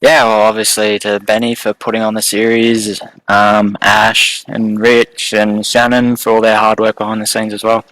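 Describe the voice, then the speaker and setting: Relaxed driver, low voice. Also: male voice, no room sound, rough recording. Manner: relaxed, lists thank-yous. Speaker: race driver, championship winner. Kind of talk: casual post-race interview.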